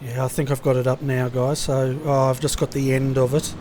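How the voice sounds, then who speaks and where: A man's voice: medium pitch, level tone, a little fast, darkish tone, slight background noise. A man doing easygoing, casual commentary on an online motor race over voice chat. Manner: easygoing, chatty, laughs with co-hosts.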